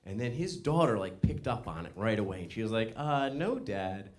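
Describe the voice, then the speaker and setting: A male stand-up comedian ranting in an exasperated, animated way. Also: lowish voice, quick pace.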